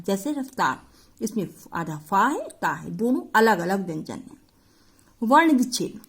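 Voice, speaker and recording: A woman's voice: medium pitch, husky. A woman teacher explaining a school grammar lesson step by step to her pupils.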